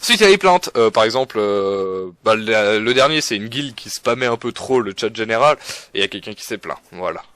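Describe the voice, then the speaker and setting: A young man talks through a game forum in a loose, rambling way, stumbling over words and poking fun at himself. His voice sits fairly low. The sound is dry and close, with no room around it. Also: animated, a little fast, fairly bright tone, no echo. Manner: rambling, self-mocking, many fillers and restarts. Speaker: forum guide presenter. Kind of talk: casual screen-recorded walkthrough.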